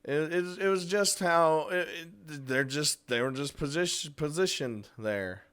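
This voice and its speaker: In a clean, fairly bright, fairly high-pitched voice, a man speaks a little slowly as host of a video game review series. His countdown review is casual and informal, punctuated by frequent chuckles, with music in the background.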